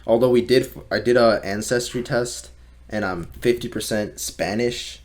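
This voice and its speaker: A man's voice: mid-range voice, steady tone, normal speed. A young man from Mexico, a podcast guest talking casually, swearing often and filling with "like". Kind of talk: casual conversation.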